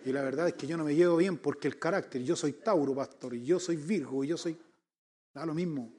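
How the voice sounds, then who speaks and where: Un pastor imitando a un feligrés nervioso que se excusa. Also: male voice, on the high side, fairly quick, darkish tone, lightly acted. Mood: sheepish. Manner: hesitant, mumbling excuses to the pastor. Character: flustered churchgoer excusing horoscope habits.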